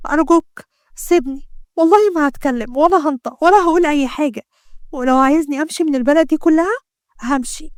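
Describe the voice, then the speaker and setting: A woman voicing a frightened young female doctor with an Egyptian accent, speaking in a high, tearful, pleading voice. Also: no echo, clean studio sound, close to an everyday voice. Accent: Egyptian Arabic.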